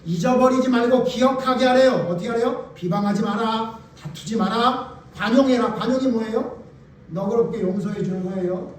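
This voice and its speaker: A male pastor delivers an emphatic sermon in a high voice, throwing question after question at his listeners. His voice rings through a very reverberant church hall. It is picked up from a distance, with a faint hum underneath. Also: normal speed. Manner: emphatic, fires rhetorical questions at the congregation. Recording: very echoey hall, voice from far off.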